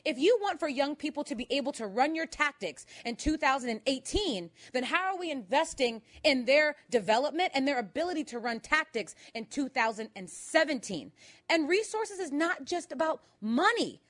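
A woman's voice: sits high, animated, moderate pace, fairly bright tone. A woman speaking on a panel, emphatic and direct, addressing the audience. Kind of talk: panel talk.

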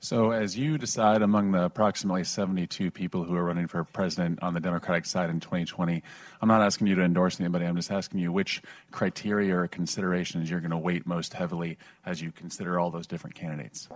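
A man asking a question from the audience, crisp and precise in phrasing. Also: low-pitched, level tone, fast, dry recording.

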